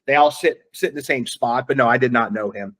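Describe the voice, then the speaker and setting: A man's voice: medium pitch, fairly quick, a bit bright. A middle-aged man, a father, telling a story in a casual interview, earnest and rambling with many fillers and restarts. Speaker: guest, father.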